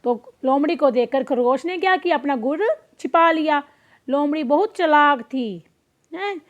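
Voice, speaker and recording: A woman's voice: high-pitched, moderate pace. A woman teacher reading a children's story aloud in Hindi class, explaining each part and asking the pupils questions. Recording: dull lo-fi recording.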